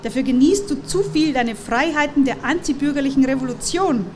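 A teasing, romantic young woman, as a reader plays her with a fairly high voice and a mocking edge. Ambient noise runs steadily behind. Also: a little fast, close to an everyday voice.

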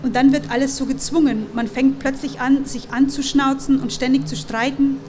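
A woman's voice: high voice, steady tone, moderate pace, darkish tone, slight background noise, close to an everyday voice. A woman voicing a young man who reasons his way around marriage, in a hedging, explaining way. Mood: defensive. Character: young adult man Anton, evasive about marriage.

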